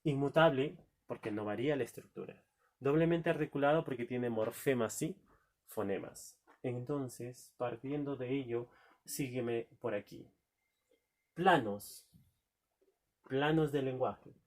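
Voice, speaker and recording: A man's voice: medium pitch, darkish tone. A man teaching a recorded lesson, asking rhetorical questions and answering them himself, drawing out key words. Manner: drawn-out stressed key words.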